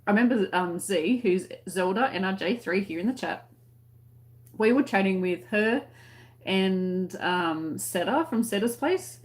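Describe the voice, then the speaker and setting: A woman's voice: medium pitch, animated, unhurried. A woman with an Australian accent chatting casually to live-stream viewers in a rambling, conversational way, often trailing off mid-thought. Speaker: crochet tutorial live-stream host.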